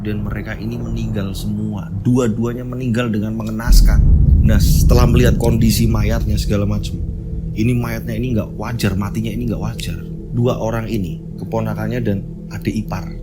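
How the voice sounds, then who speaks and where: A man's voice: on the low side, fairly even intonation, normal speed, loud music behind the voice. A man telling a horror story in a casual, conversational way, often repeating himself. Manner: conversational, repetitive.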